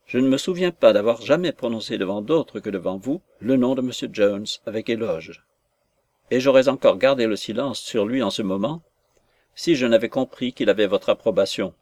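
A man voicing a gentle, distressed young woman in a storybook reading, with a tender, pleading delivery. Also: medium pitch, normal speed, dry recording, close to an everyday voice.

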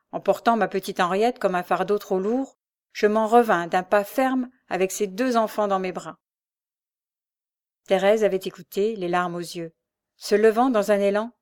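This audiobook of a classic novel is narrated by a woman whose mid-range voice delivers a measured, expressive reading.

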